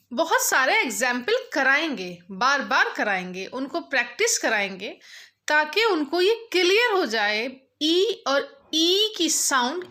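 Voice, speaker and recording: A woman's voice: sits high, bright, forceful tone. A woman teacher patiently explaining a lesson, drawing out the example sounds.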